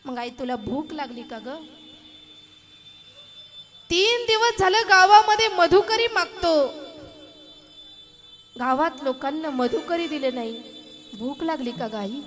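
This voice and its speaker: A woman's voice: high voice, moderate pace, lightly acted. A woman voicing an anxious young boy who keeps pleading with his mother. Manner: pleading, repeated questions.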